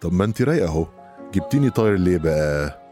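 A man's voice: deep voice, very animated, racing, dark tone, soft background music. An actor with an Egyptian accent playing a middle-aged family friend who is teasing and flowery in his talk. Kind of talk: audio drama acting.

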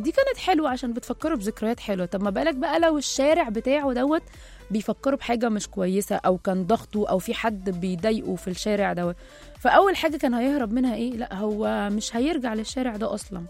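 A woman's voice: medium pitch, creaky, darkish tone. A woman with an Egyptian accent hosting a radio talk show, chatting directly to her listeners. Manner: chatty, talking straight to listeners.

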